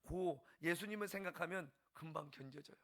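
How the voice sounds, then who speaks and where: A male pastor delivers an early-morning revival sermon with passion, swinging between loud exclamations and hushed near-whispers. His voice is a little high, and he keeps a moderate pace.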